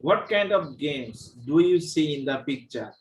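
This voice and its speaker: A man teaching an online English class. He mixes English teaching phrases into Bengali, puts the class direct questions, and pauses often on 'ah'. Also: fairly high pitch, big pitch swings, recorded from a distance, poor audio. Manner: drawn-out, hesitant delivery with frequent 'ah' pauses.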